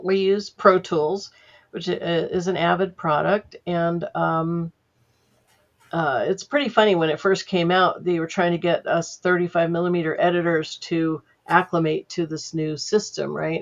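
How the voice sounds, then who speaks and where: A woman's voice: fairly low pitch, steady tone, moderate pace, highs cut off. An older woman, a sound editor as podcast guest, telling anecdotes in a chatty way full of fillers. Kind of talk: casual interview storytelling.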